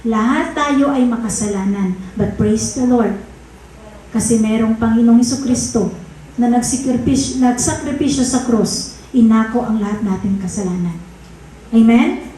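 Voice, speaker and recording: A woman's voice: a little high, normal speed, warm tone, a little hiss or hum. A woman pastor from the Visayas preaching a conversational sermon, emphatic and teasing her congregation. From Visayas, Philippines. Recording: very echoey church hall.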